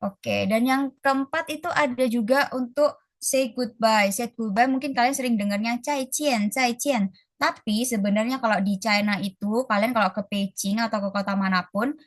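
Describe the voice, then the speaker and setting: A woman's voice: on the high side, no echo, studio quality. Chatty woman tutor teaching Mandarin. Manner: slow, drawn-out model pronunciations; casual, chatty teaching, calls students guys. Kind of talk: online language class. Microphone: video call.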